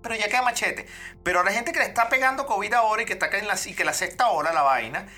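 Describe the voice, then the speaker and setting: A woman co-hosting a comedy podcast, irreverent and swearing in quick crude banter. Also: mid-range voice, expressive, pushed and bright, soft background music. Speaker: podcast co-host.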